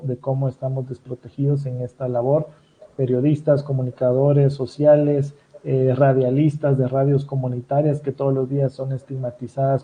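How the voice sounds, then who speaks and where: A man hosting an interview, building his points in a calm, analytical way at a middling pitch. The sound is muffled and lo-fi. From Guatemala. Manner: measured, analytical. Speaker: host. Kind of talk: interview commentary.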